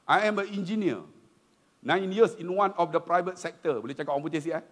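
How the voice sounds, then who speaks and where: A middle-aged man with a Malaysian accent gives a lively religious lecture in a high, expressive voice, joking and turning to his listeners again and again. His voice rings through a large hall with a long reverb trailing after each phrase. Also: a little fast. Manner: animated, humorous, often addresses the audience directly. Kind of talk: lively religious talk to an audience.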